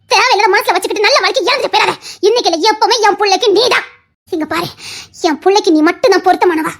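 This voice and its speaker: A fond but firm older aunt and mother-in-law, put on by a woman in an audio love story. She coaxes and reassures insistently in a very high, light voice. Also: a bit bright.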